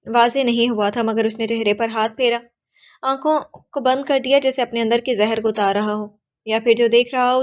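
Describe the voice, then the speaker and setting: A woman narrating an audio novel in an even, descriptive storytelling manner. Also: on the high side, highs cut off.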